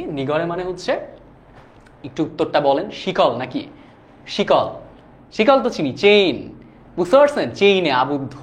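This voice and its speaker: A young man teaching a live online class. He talks casually, reads viewer comments aloud and keeps checking whether students follow. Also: high-pitched. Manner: casual and chatty, often asks "do you understand?".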